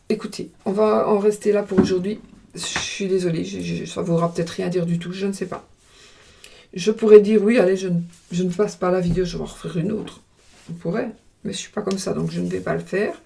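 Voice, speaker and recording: A woman's voice: on the low side, fairly even intonation, brisk, vocal fry, dark tone, slight background noise. A woman with a regional French accent reading tarot cards in a casual vlog, talking hesitantly while chewing gum. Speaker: tarot card reader.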